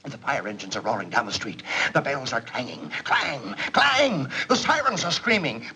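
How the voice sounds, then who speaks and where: A blustering excitable boss. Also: male voice, medium pitch, moderate pace, slightly rough, full character voice. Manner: blustering, theatrical, swings from loud to hushed. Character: excitable middle-aged male businessman boss, blustering. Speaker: company boss. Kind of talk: 1940s film acting. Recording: old film soundtrack with faint hiss.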